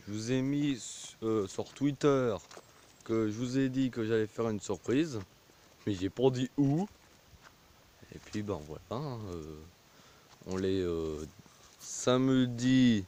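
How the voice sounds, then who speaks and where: A man's voice: medium pitch, darkish tone. A man vlogging while walking a country path, talking into a phone on a pole, hesitant and full of fillers. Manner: hesitant, full of fillers and trailing "voilà, hein". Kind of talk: rambling outdoor vlog. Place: outdoors on a country path in a village. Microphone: phone on a pole held while walking. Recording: faint rural outdoor noise.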